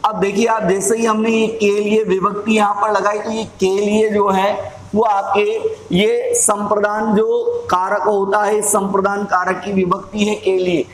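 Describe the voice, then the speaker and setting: Slow, level-voiced male grammar teacher. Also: high-pitched, flat delivery. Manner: slow, repetitive, drawn-out explaining, clears throat often. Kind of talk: slow classroom explanation. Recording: echoey room, faint ambient noise.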